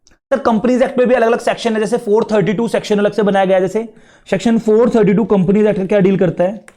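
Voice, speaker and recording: A teacher with an Indian accent gives a casual, chatty classroom lecture, mixing in English terms while sounding a bit unwell and low on energy. His tone is steady and mellow, and he speaks fast.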